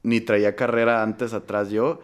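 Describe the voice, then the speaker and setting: A man's voice: lowish voice, normal speed, clear, resonant tone. A young man with a Mexican accent, a guest musician chatting casually, telling stories full of slang and acting out the voices of the people he quotes. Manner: animated storytelling with slang. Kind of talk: casual conversation.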